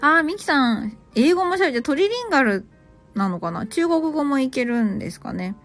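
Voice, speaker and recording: Woman host, casual live-stream chat, fairly high voice, faint background music. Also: animated, a little fast. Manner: chatty, reacts to listener comments with small laughs. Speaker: English cram-school teacher hosting a live stream.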